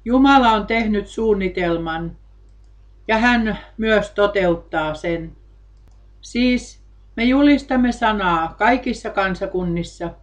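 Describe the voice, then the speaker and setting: A woman delivering a sermon in a solemn, measured way, quoting scripture along the way. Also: medium pitch. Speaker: preacher.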